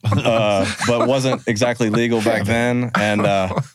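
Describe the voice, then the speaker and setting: A man's voice: mid-range voice, flat delivery, measured pace, background noise. A man in his fifties telling a rambling story as a guest, with laughs and put-on Southern quotes. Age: 50s. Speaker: musician guest. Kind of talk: casual storytelling.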